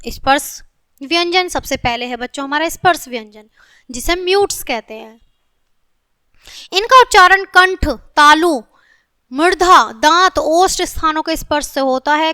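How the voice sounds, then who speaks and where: A woman teaching a grammar lesson to children, explaining step by step, slowly stretching each sound she names and often saying "okay". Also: high-pitched, bright, forceful tone, dry recording, studio quality.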